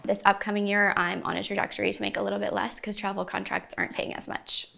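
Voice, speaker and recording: A woman's voice: medium pitch, flat delivery, fast talker, gravelly, pushed and bright, slight background noise. A woman in her twenties, a pediatric ICU travel nurse, chatting in a panel and explaining her work in detail. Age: 20s. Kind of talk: casual panel chat. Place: indoor cafe.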